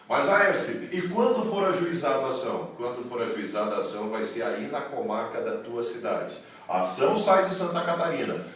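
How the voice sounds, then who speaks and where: A man's voice: fairly low pitch, slight background noise. A man addressing viewers in an emphatic, preacher-like promotional video, recorded in an office. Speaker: network marketing promoter. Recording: echoey room, mic far off.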